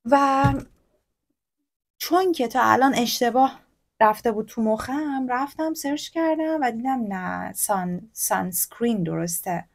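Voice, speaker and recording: Brief: woman English teacher, Persian accent, slightly high voice, slow careful example readings, chatty asides. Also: lively intonation, gravelly. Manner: reads English examples slowly, explains in Persian; chatty, corrects herself openly. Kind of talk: recorded textbook lesson.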